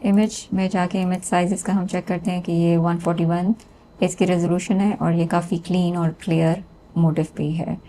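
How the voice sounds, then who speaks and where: A woman calmly explaining a screen-recorded design tutorial step by step, with small hesitations. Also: fairly low pitch, normal speed, a little hiss or hum. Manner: calm step-by-step explaining with fillers. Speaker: textile design instructor.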